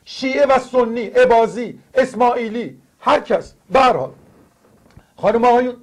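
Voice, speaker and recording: An older man from Iran, talking in an earnest, digressive sermon style to viewers. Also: extremely high pitch. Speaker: religious TV speaker. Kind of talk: preaching monologue to viewers.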